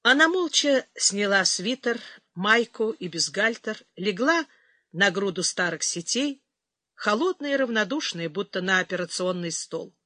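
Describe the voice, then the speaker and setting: A woman narrating an audiobook in an even, unhurried reading voice. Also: medium pitch, no echo. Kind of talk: scripted narration.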